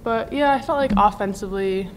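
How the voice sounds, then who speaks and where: A woman's voice: medium pitch, brisk. Casual young female athlete, faint hiss. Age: young adult. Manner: casual, filler-heavy. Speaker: college basketball player. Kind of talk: postgame press conference. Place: press room. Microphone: table mic.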